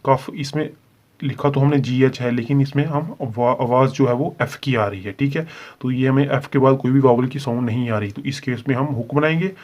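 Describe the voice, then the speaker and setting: A man's voice: mid-range voice, normal speed, darkish tone. A man teaching shorthand in a step-by-step lesson, speaking with a Hindi accent and patiently checking in with "theek hai" as he goes. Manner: explains patiently, repeats "ठीक है" often. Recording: slightly dull lo-fi sound.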